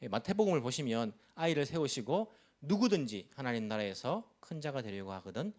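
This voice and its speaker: A darkish, sing-song male voice moves briskly through a church sermon at a service. Pressing with one rhetorical question after another, the pastor lets his pitch swing sharply up and down for emphasis.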